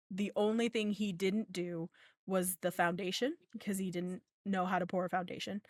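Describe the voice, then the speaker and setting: A woman's voice: mid-range voice, no room sound, studio quality. A woman in her thirties hosting a podcast, telling a story in casual chat and acting out the back-and-forth dialogue with free swearing. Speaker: podcast host.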